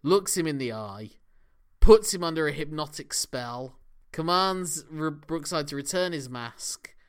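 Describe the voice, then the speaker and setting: A man's voice: on the high side, lively intonation, measured pace, clear, resonant tone. Chatty analytical man talking wrestling. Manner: chatty, analytical, laughs often. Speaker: podcast co-host. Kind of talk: casual wrestling discussion.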